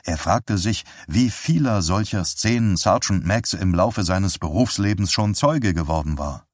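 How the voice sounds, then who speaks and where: A man narrating an audiobook in a steady, even storytelling manner. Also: low-pitched, a little slow, no echo, studio quality. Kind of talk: scripted narration.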